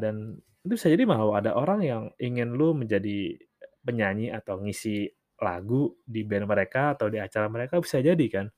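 A man's voice: on the low side, a little mellow, no room sound, studio quality. A man hosting a casual solo podcast, talking in loose slang and acting out short everyday dialogues. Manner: casual slangy Jakarta talk, acts out little dialogues. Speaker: podcast host.

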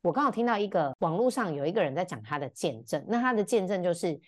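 A woman, a podcast guest telling a personal story in casual chat and acting out the lines of the people in it. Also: fast talker. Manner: animated, acts out quoted dialogue in varied pitch. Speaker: podcast guest, brand founder.

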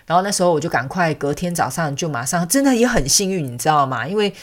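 A woman's voice: deep voice, lively intonation, fast. A young woman from Taiwan, hosting a podcast and telling a personal story in a chatty way, with many fillers and frequent laughs. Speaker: podcast host. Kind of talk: casual storytelling monologue.

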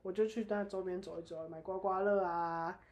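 A woman's voice: fairly low pitch, steady tone, normal speed, a little mellow. A woman co-hosting a casual chat podcast, playful and full of questions and jokes. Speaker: podcast co-host.

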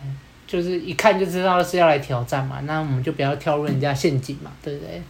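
A man's voice: a little high, fairly even intonation, fast talker, gravelly, a little hiss or hum. A man with a Taiwanese Mandarin accent telling a story in casual podcast chat, chatty with hesitant fillers. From Taiwan, Kaohsiung. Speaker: podcast host.

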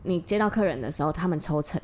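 A woman, telling a personal story as a podcast co-host in casual, animated chat. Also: low-pitched, fast. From Taiwan. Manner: animated storyteller, gushing with enthusiasm.

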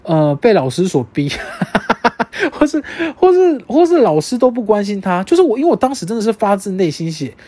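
A young adult podcast host with a Taiwanese Mandarin accent, telling a story in casual chat, animated and swearing freely. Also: medium pitch, moderate pace, no echo.

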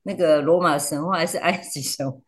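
A woman teacher, a podcast guest, chatting casually and telling animated stories. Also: sits low, fairly quick. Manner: animated storyteller, acts out quotes.

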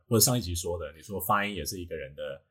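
A husky male podcast host with a Taiwanese Mandarin accent and a slightly low pitch. He explains things in a casual, teacherly way, often hedging and repeating a phrase as he works toward his point. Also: lively intonation, very fast, a bit bright.

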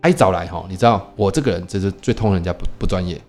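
A man telling a story in casual podcast chat, animated, quoting people and asking rhetorical questions. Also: deep voice, racing, soft background music. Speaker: podcast co-host; teacher.

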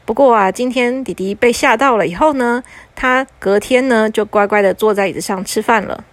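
A woman narrating a bedtime story for children in a gentle, lilting way. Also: fairly high pitch, dry recording. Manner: gentle, lilting with drawn-out particles.

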